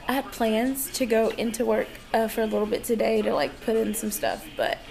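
A woman's voice: on the high side, steady tone, moderate pace, a crowd in the background, rough recording. A hungover woman chatting casually to her vlog in a subdued, self-deprecating way. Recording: clear background noise.

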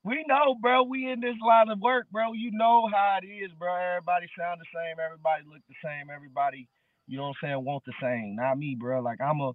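A man's voice: high voice, steady tone, fast, no echo. Brief: laid-back man in his early thirties, slangy musician guest, dry tinny video-call sound. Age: early 30s. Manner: laid-back street slang, fillers like bro. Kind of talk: casual interview chat. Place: dark room at home.

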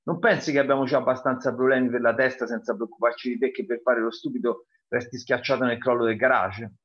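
A man's voice: medium pitch, steady tone, fast, slightly rough, dull audio, close to an everyday voice. A man voicing a weary, stressed mother who insistently scolds her son, in a storybook reading. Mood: scolding. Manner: insistent, nagging.

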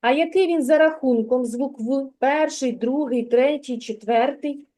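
Kindergarten teacher lady, kinda high mellow voice, patient and encouraging, walks a kid through sounds one step at a time. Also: unhurried. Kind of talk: one-on-one literacy lesson with a child.

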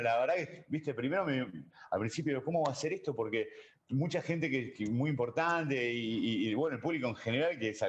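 A man's voice: medium pitch, a little hiss or hum. A man with an Argentine accent in casual chat, telling jokes and laughing at his own punchlines. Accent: Argentine Spanish. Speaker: comedian guest.

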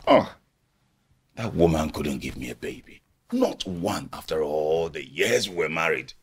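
An actor playing a scheming, smooth-talking man with a Nigerian English accent, chuckling and coaxing with an oily charm. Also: rumbling low, very animated, a little slow, exaggerated voice. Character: scheming smooth-talking middle-aged man, wealth-hungry. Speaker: family friend, widower-seeking suitor. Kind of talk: film drama dialogue.

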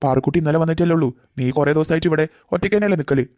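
Man doing a fiery, fast-talking cartoon grandfather. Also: on the high side, a little mellow, no echo, lightly acted. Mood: earnest. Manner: firm, emotional. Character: protective grandfather, fiery yet loving. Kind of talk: cartoon voice acting.

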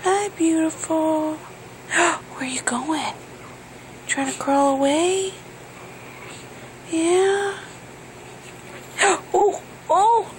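A woman's voice: sits high, a little hiss or hum. A woman cooing to her newborn in sing-song baby talk, gasping and gushing between short phrases. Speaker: mother talking to her newborn.

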